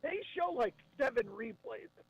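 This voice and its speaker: A sports radio co-host with a high male voice chats casually about sports over a dull, buzzy phone line that glitches and breaks up. He's outdoors or in a car in pouring rain, speaking at a moderate pace with lively intonation and a creaky edge. He stammers and repeats words when starting.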